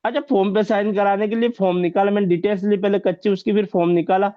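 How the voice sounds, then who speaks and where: A man with a high voice tells his sales stories as an insurance agent. He acts out both sides of the dialogue and laughs often. His audio is dull and dry, like a remote call. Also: fairly even intonation, fast talker, no echo. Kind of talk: storytelling sales anecdotes.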